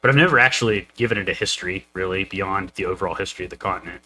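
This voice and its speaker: A man's voice: deep voice, racing, pushed and bright, slight background noise, poor audio. A young man co-hosting a casual podcast chat, rambling with lots of fillers and restarts. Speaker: co-host, game master.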